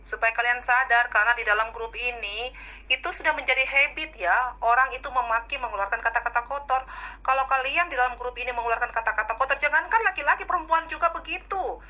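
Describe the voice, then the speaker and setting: A woman's voice: on the high side, fast talker, bright, forceful tone, lo-fi sound. A woman scolding the other side in a heated online voice-chat debate, in a lecturing tone.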